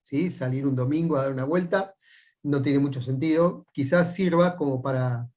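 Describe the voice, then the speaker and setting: A man with a Rioplatense Spanish accent teaching a sailing class, explaining step by step and often checking in with quick "right?" tags. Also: mid-range voice, a little mellow. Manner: patient, methodical step-by-step explaining. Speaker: sailing instructor.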